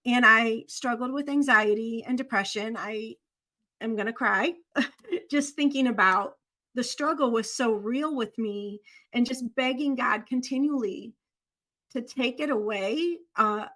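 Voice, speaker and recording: Brief: woman host, high pitch, earnest heartfelt storytelling on a podcast. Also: a little slow, a bit bright. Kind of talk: casual podcast conversation.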